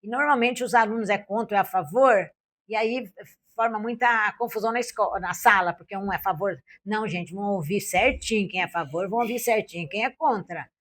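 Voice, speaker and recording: An older Brazilian woman, once a teacher, tells her classroom stories at a quick clip. She acts out what she said and what her pupils answered. Her pitch sits in a middling range for a woman. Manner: lively storytelling, acting out her own and pupils' lines. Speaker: former school principal and Portuguese teacher. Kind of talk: interview, recalling classroom experiences.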